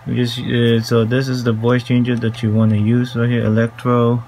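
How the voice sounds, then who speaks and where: A man with a mid-range voice presents a casual hands-on tutorial from a small room at home, speaking haltingly and in a flat tone. It's a noisy handheld home recording with background hiss.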